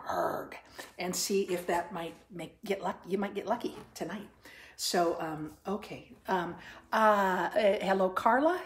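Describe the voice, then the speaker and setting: A woman singer-comedian chatting loosely between songs on her own live stream, with wry asides and plenty of ums. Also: mid-range voice. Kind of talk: casual chat between songs. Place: her living room at home. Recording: roomy living room with guitar. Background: guitar.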